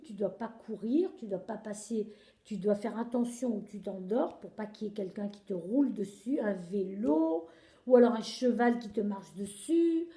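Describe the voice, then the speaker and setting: A gentle mother nurse, as a woman puts her on, calm and soft-spoken. She talks low and soothingly in a storybook tale. Her voice is mellow in an echoey room.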